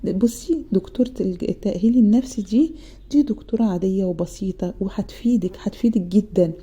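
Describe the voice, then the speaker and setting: A woman voicing a calm, kindly female doctor who reassures and instructs a patient, with an Egyptian accent. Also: mid-range voice, quick pace, husky, muffled recording, lightly acted. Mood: reassuring. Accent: Egyptian Arabic.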